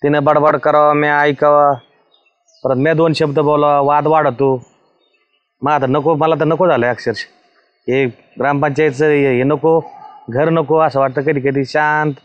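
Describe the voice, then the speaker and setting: A man's voice: on the high side, level tone, moderate pace, lo-fi sound. A man playing a village deputy who complains wearily about quarrels at home. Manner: weary, complaining. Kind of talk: rustic comedy web series acting.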